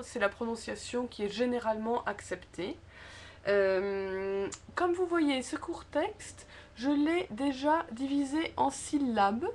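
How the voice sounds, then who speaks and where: A woman teaching a spoken language lesson, explaining words slowly syllable by syllable and stressing key words by repeating them. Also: high-pitched. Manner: slow, careful syllable-by-syllable explanation. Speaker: French pronunciation teacher.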